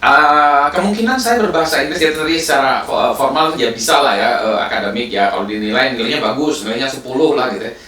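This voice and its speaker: A man in his fifties from Indonesia, talking casually and at length, pausing often with fillers and restarting his words. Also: medium pitch. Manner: relaxed and rambling, with many fillers and restarts. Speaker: host. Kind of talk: casual monologue. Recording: roomy sound from a distant mic with faint background noise.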